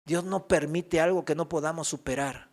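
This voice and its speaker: Male pastor with a high voice, animated sermon delivery with comic put-on voices. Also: normal speed. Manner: animated preaching, acts out whiny voices for comic effect. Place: church.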